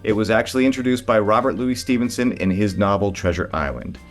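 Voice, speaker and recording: A man's voice: lowish voice, a little fast, faint music behind. A man hosting a history show, friendly and playful as he presents. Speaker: host.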